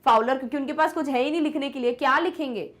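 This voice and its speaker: Brief: young female tutor, high-pitched, patient classroom explainer, often asks "clear?". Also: a bit bright. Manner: switches between slow English reading and fast Hindi explanation; asks checking questions like "clear?". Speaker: teacher. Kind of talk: Hindi-medium English lesson, explaining text.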